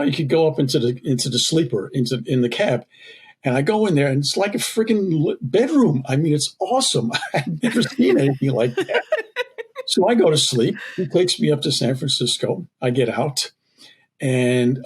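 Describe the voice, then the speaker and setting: Male guest, New York native, slightly husky voice, animated storyteller who acts out the people in his stories. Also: medium pitch. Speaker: guest theatre director. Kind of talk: casual storytelling in a podcast interview.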